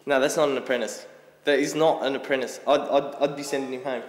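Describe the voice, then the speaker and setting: An actor with an Australian accent playing a fed-up builder neighbour giving a blunt, swearing interview in a mockumentary. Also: male voice, medium pitch, fairly even intonation, fast talker, in a large hall, a little hiss or hum, close to an everyday voice.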